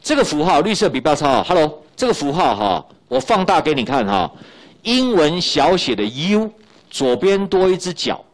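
Very animated yet speaking at a normal speed, a middle-aged Taiwanese-accented Mandarin speaker teaches high school physics in a lecture recording. His manner is chatty, with small filler words at the ends of lines and key points said twice.

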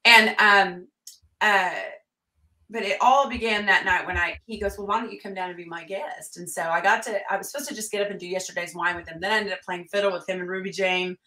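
A woman with a bright, forceful voice tells stories in an animated way, with sudden loud bursts when she acts out quotes. She sits a little back from the mic, so the voice sounds slightly distant. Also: medium pitch, a little fast, echoey room. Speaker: country singer and fiddler, guest. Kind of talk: storytelling interview chat.

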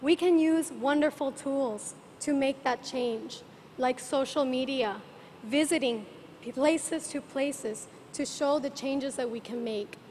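A woman's voice: high-pitched, slow, a little mellow. A woman in her twenties from Cuba giving an earnest stage speech as a pageant contestant. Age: 20s. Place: large auditorium stage. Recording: echoing hall, slight noise.

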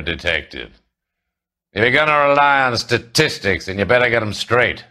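In a 1940s crime video game, an actor voices a condescending, middle-aged American property tycoon who is smooth-talking and self-assured. The male voice sits fairly low in pitch and carries a sharp tone.

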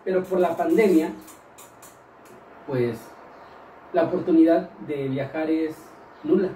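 A man's voice: on the high side, takes it slowly, dark tone, soft background music. A man in his thirties with a Mexican accent, chatting casually in questions and answers. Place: indoors, small bare-walled room. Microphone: camera a couple of metres away. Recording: echoey room, distant mic, faint noise.

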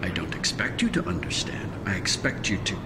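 Theatrical gloating villain, swooping voice. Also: male voice, sits low, very animated, very noisy. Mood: smug, dismissive. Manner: slow theatrical villain menace, hammy grandstanding. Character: vain theatrical male actor turned villain, gloating and smug. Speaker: villain in a spy game. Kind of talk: video game villain monologue.

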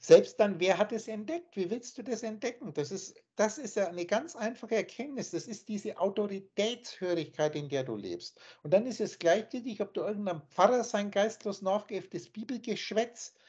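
A man's voice: high-pitched, animated, normal speed, few pauses, darkish tone, husky. A man teaching in an emphatic, scornful lecturing manner, speaking over a video call. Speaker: spiritual teacher. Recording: dull lo-fi online call audio.

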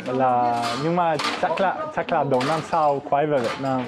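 A man with a foreign accent chatting casually in halting, broken Vietnamese, searching for and repeating words. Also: on the high side, heavy background noise. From outside Vietnam, a foreigner. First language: not Vietnamese. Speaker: vlogger. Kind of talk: casual chat with strangers. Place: inside a restaurant. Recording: busy eatery chatter around the voice. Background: crowd chatter.

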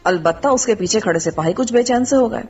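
A woman reading a first-person adventure story aloud in steady scripted narration. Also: fairly high pitch. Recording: dull distant recording with faint music.

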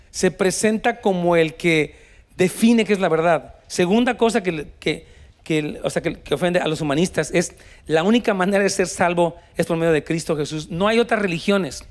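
Man, mexican spanish accent, pastor's sermon, fairly high voice, mixes in english. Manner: storytelling, switching between Spanish and English, exhorting the congregation.

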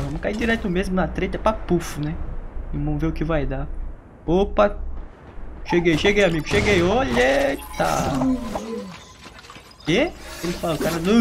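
A man with a Brazilian accent, a gaming YouTuber giving chatty, excitable gameplay commentary and laughing often. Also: a little high, creaky. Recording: noisy background.

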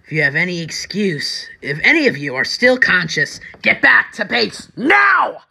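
A woman plays a taunting male villain clown in video game style. The voice is raspy and creaky with a hard, bright edge. The delivery is theatrical and drawn out, relishing every threat. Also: medium pitch, big pitch swings, measured pace, heavily acted. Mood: furious. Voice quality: raspy, strained. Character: manic, taunting male comic-book villain clown, the Joker. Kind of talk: amateur audition reading of video game villain lines.

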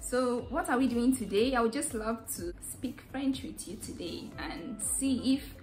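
A woman's voice: fairly high pitch, measured pace, darkish tone, faint music behind. A young Nigerian woman hosting a casual vlog, talking chattily to camera and laughing easily. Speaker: vlogger host.

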